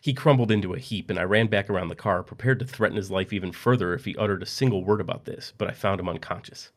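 Male narrator, low voice, steady scripted storytelling. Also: quick pace.

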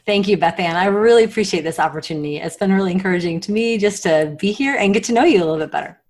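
A woman's voice: medium pitch, animated, rapid-fire, darkish tone. A woman in her forties, a mother, talking in a casual podcast interview with a chatty, sarcastic humor and frequent laughs. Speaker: guest, mother of several children.

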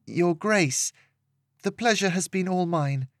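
A man's voice: sits high, lively intonation, slow, dry recording, clean studio sound, pitched above the performer's own voice, heavily acted. A man reading a story, voicing a nervous young woman who answers with formal, polite courtesy.

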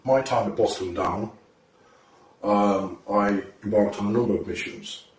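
The speaker, a Briton presenting himself online as a time traveller, has his voice shifted deeper to hide it. He talks hesitantly, often stopping and using fillers, and the audio is distant and echoey with faint background noise.

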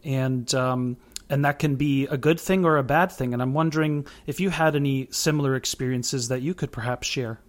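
A man's voice: medium pitch, fairly even intonation, moderate pace. A man hosting an interview show, asking long, earnest questions with many fillers. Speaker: host.

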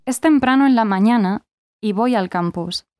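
A Galician woman in her twenties, with a fairly high, slightly mellow voice and a Spanish-from-Spain accent, narrates a scripted learner story as a new teacher. She speaks slowly, clearly and carefully, with slight background noise.

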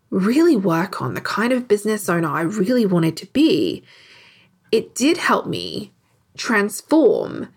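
Husky, animated woman podcast host. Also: mid-range voice. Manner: candid, conversational, swears casually. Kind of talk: reflective solo podcast talk.

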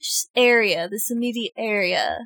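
A woman playing a tabletop game, asking practical questions in a measured way. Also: mid-range voice, a bit bright, no room sound. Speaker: player. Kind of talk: casual tabletop play.

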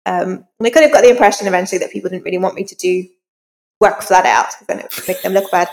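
Quick-paced and slightly mellow, her voice sits on the low side. She's an interview guest recounting personal anecdotes in a casual, self-deprecating, conversational way. The recording has a long hall echo.

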